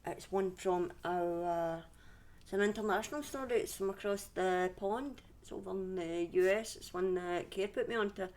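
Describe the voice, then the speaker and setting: A woman speaks at medium pitch and moderate pace, her tone darkish and her accent Scottish. She hosts a livestream from home, rambling conversationally as a storyteller and repeatedly breaking off to restart what she's saying.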